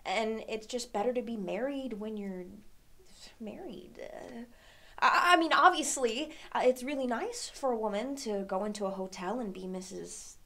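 An actress plays a pensive, fragile young woman alone with her thoughts in a dramatic monologue. Her voice sits a little high. She gropes for words in a searching soliloquy, wry and troubled, with hesitant pauses. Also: sharp tone. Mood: wry, uneasy. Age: young adult. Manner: halting, searching, thinking aloud with hesitant pauses. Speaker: actor performing a monologue. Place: indoor studio against a plain backdrop.

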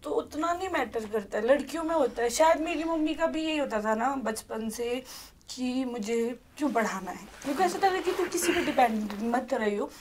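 Young woman in her twenties, podcast guest, high voice, earnest and heartfelt. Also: animated, normal speed, slight background noise. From Himachal Pradesh, India. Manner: heartfelt, earnest, near tears at times. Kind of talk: emotional personal chat.

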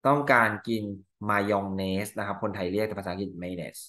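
A male teacher with a Thai accent walks through exam answers, reading English lines slowly and explaining each one in Thai. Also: fairly low pitch, bright, forceful tone.

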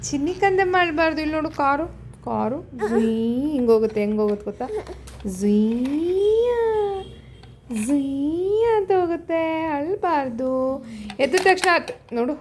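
A woman's voice: sits high, expressive, a little fast, a little hiss or hum. A woman coaxing and soothing a crying baby in teasing baby talk. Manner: sing-song, teasing, soothing. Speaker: family member talking to a baby.

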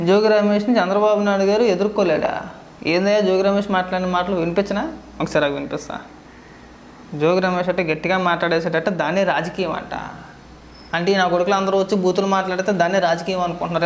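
A man giving heated political commentary, scolding his target with rapid rhetorical questions. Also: high-pitched, roomy sound, slight background noise.

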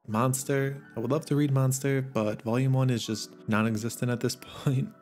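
A manga vlogger narrates a laid-back vlog about the books he recently picked up, sounding chatty and enthusiastic and laughing softly now and then. His mid-range voice is a little worn, with fairly even intonation and a moderate pace, and faint music plays behind him.

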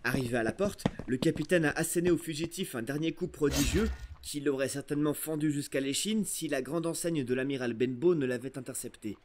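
A man narrating an adventure novel aloud in an expressive, storytelling way. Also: on the high side, a little fast, hardly any pauses, a little hiss or hum. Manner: expressive storytelling, first-person voice of a boy. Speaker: audiobook narrator. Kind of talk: scripted narration.

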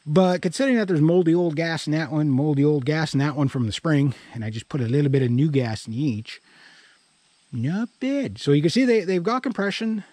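This middle-aged Canadian vlogger talks fast in a fairly high, darkish voice with lively intonation, rambling as he thinks aloud. Recorded with no room sound on an action camera, body-worn or held at arm's length, he's standing in a grassy yard near a pickup truck.

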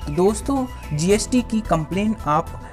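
With soft music in the background, a young Indian channel host explains a topic to camera in a high, expressive voice at a moderate pace. He teaches in a friendly way, addressing viewers as friends. A small clip-on mic on his shirt records him in a small room with a plain backdrop.

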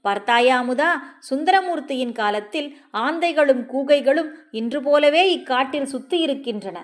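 A woman voicing a spirited, quick-tempered young woman who speaks sharply and playfully. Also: high-pitched, close to an everyday voice. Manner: sharp and lively, raising her voice.

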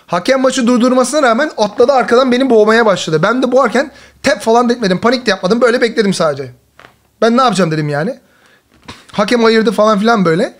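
Male host, 30s, high voice, casual storytelling with laughs and slang. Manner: animated, laughs often, uses slangy exclamations. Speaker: host and jiu-jitsu athlete. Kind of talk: casual reaction commentary and storytelling.

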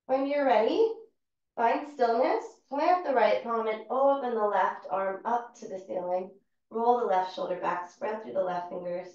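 A woman with a fairly high voice leads a yoga flow, giving calm, unhurried cues. She sounds set back from the microphone in a very echoey room, and the sound is a little dull. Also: recorded from a distance. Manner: calm, unhurried cueing of movements. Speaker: yoga teacher. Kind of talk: guided yoga class instruction.

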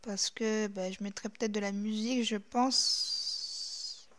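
A woman's voice: mid-range voice, little pitch movement, a little fast, a little mellow. A woman commenting casually while playing a horror game, chatty and rambling. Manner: chatty, rambling, drops to whispers when tense. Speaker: gaming YouTuber. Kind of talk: casual let's-play commentary.

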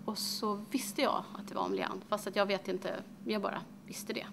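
An actress playing a middle-aged grieving mother, speaking haltingly with many pauses in a dramatic monologue. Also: mid-range voice, fairly even intonation, creaky, noisy background, close to an everyday voice. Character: grieving mother, middle-aged, recalling her daughter's death.

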